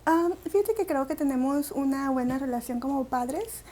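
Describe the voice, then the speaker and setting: High-voiced Salvadoran woman recounting her story. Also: expressive, moderate pace, warm tone. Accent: Salvadoran Spanish. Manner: reflective, with many fillers and restarts. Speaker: interview guest. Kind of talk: personal story in an interview.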